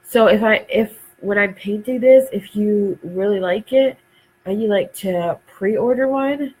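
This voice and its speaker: A woman's voice: medium pitch, a little slow, darkish tone, husky, low-quality recording. A woman hosting a casual craft live stream. She is stuffed up and dry-throated from a cold, and she rambles with many ums and uhs.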